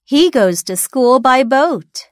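A woman reading textbook dialogue answers for a listening test, slowly and carefully enunciated for learners. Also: high voice, lively intonation, no room sound, studio quality.

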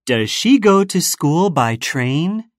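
A woman reading textbook dialogue questions for a listening test, slowly and carefully enunciated for learners. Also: low-pitched, sing-song, no echo, clean studio sound.

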